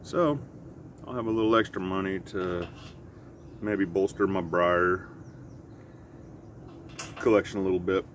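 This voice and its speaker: Middle-aged man, very low voice, casual rambling vlog, halting and easygoing, clear outdoor background noise. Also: fairly even intonation. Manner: easygoing, halting, self-correcting. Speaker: pipe vlogger. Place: outside by a house with siding. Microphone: camera a short distance in front. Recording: clear outdoor traffic or air-conditioner hum.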